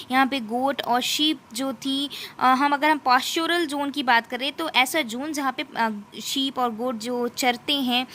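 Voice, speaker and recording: A woman teacher giving a classroom lecture, reading a textbook haltingly and then explaining it plainly. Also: high-pitched, sharp tone, slight background noise.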